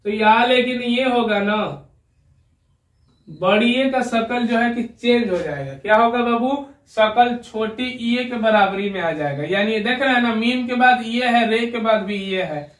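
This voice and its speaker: A man teaching an Urdu spelling lesson, patient and steady, checking again and again that the learner follows and quizzing them. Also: very high-pitched, unhurried, distant mic. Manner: patient, keeps asking "ठीक है ना" and quizzing the learner. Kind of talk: slow spelling lesson at a whiteboard. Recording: roomy echo, voice a little off-mic.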